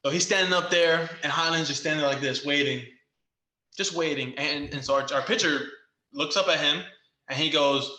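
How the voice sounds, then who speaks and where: A young man co-hosting a podcast, telling a baseball story in casual chat and loudly acting out the quotes. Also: fairly high pitch, moderate pace. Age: young adult. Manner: animated, acts out quotes loudly. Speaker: podcast co-host, former baseball player. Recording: echoey room.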